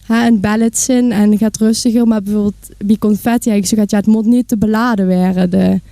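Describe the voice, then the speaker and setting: A woman's voice: mid-range voice, steady tone, fairly quick, mellow, dry recording. A young woman, a singer guest talking earnestly in a casual radio interview. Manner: earnest, thinking aloud.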